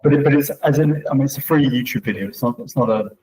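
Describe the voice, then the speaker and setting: A man chatting casually, often halting and restarting, heard with room echo from a big empty room. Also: mid-range voice, a little mellow. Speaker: guest. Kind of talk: casual chat.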